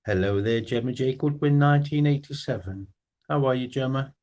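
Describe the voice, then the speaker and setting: A man hosts a relaxed evening live stream and chats with viewers. He greets each one by name in a friendly, easygoing way, at a middle pitch. His talk is loose and unhurried. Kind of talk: casual chat with live chat viewers.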